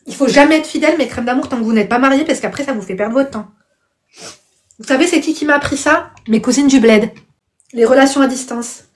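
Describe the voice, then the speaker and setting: A woman's voice: sits high, fairly quick, slight background noise. A woman hosting a casual live stream, answering viewers' comments bluntly and calling them darling. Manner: punctuates opinions with "I swear" and "I'm telling you the truth". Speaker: live-stream host and life coach.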